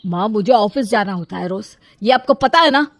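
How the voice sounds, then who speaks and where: A woman voicing an indignant, lonely widowed man in an animated storybook, complaining about being neglected. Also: mid-range voice, normal speed, dry recording. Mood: irate. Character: aggrieved lonely widowed elder brother-in-law, man.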